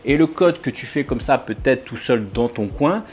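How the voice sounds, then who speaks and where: A man's voice: medium pitch, lively intonation, moderate pace, a little mellow, a little hiss or hum. Casual, joking French-speaking developer man. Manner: informal, addresses viewer as "tu", frequent restarts and hesitations; jokey, sarcastic asides. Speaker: software developer explaining testing. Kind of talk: casual explainer vlog.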